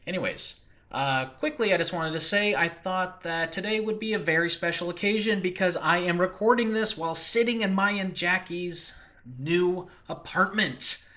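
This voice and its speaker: An American man, a podcast host and audio drama creator, talks solo in a casual, rambling way full of filler asides. His voice sits high and sharp at a moderate pace, recorded in a makeshift space in a room of his new apartment.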